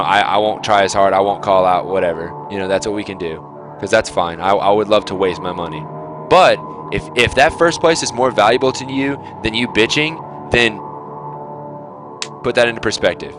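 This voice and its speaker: A young man giving his gaming team a blunt, lecturing talk on their attitude, swearing freely. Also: lowish voice. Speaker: team captain.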